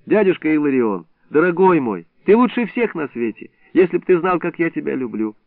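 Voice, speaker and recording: A man's voice: a little high, sing-song, a little fast, vocal fry, no echo. A man voicing an eager, affectionate young male village schoolboy, recorded dry with a narrow, phone-like sound. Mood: tipsy affectionate. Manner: eager, exclaiming.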